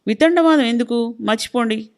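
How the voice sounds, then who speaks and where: A woman voicing a soft-hearted middle-aged wife who speaks gently and pleadingly. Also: a little high, normal speed, natural voice. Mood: pleading gentle.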